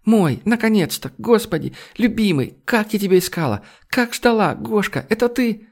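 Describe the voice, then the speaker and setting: A woman's voice: mid-range voice, lively intonation, moderate pace, a little mellow, voice pushed up, lightly acted. A man voicing a young woman who gushes with tearful, overjoyed exclamations in an audiobook. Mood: ecstatic. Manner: breathless, gushing exclamations.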